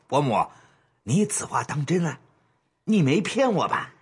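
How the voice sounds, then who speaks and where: A man's voice: a little high, big pitch swings, takes it slowly, breathy edge, heavily acted. An actor playing a greedy, scheming middle-aged man who wheedles and then threatens, in a radio drama. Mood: sly.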